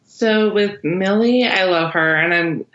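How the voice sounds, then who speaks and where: A woman co-hosting a podcast, sharing her opinions thoughtfully and hesitantly, with many pauses. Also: mid-range voice, a bit bright. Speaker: podcast co-host. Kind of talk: casual chat recapping a TV show. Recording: roomy, dull lo-fi sound.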